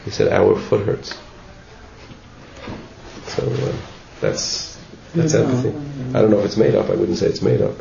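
A man with a lowish, fry-tinged voice speaks at a moderate pace and pauses often while teaching a Torah class. He reads passages and explains them informally, repeating words and frequently asking "right?" The room is echoey, and the recording sounds dull and lo-fi with faint noise.

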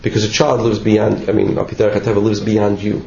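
Speaking a little fast with a flat delivery, this teacher has a lowish, dark voice with vocal fry. He gives an informal Torah class, reading and explaining passages, repeating words and often checking in with "right?", recorded in an echoey room with dull, faintly noisy lo-fi sound.

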